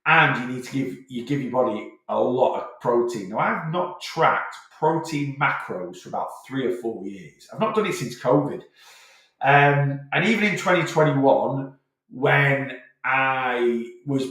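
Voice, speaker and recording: A man chats through a live weight-loss Q&A at a middling pitch, circling back and repeating his phrases as he reassures viewers. His voice bounces around a strongly echoing room. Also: fairly bright tone. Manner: chatty, repeats himself, stops and starts, direct and reassuring. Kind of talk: casual live stream chat. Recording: very echoey room.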